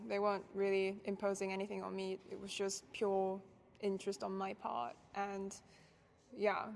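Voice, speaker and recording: A woman's voice: medium pitch, gravelly, a little mellow. A young woman from Japan, a violinist, giving thoughtful interview answers with light laughs.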